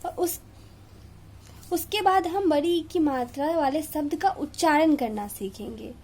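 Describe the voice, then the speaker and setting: Slow, high-voiced woman teaching small children. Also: darkish tone. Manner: drawn-out, stressed pronunciation of syllables for children. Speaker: kindergarten Hindi teacher. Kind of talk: slow classroom video lesson.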